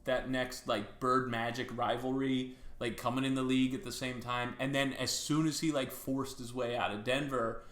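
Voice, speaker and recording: Stammering male podcast co-host, bright tone. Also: medium pitch, little pitch movement, moderate pace, few pauses, reverberant. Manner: stammering restarts, says "like" often. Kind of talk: casual comedic chat.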